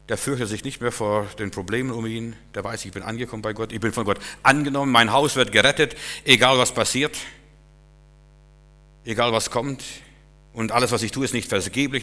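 A man preaching with fervour, his bright voice at a middling pitch. He swings between loud cries and hushed asides. He often stumbles and restarts mid-sentence. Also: moderate pace. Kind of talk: sermon.

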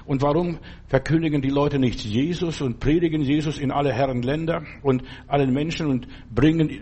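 Husky guy preaching, earnest and fatherly, talks right at you. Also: fairly high pitch, normal speed, warm tone. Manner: earnest, fatherly, addresses listener as du. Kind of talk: sermon with Bible reading.

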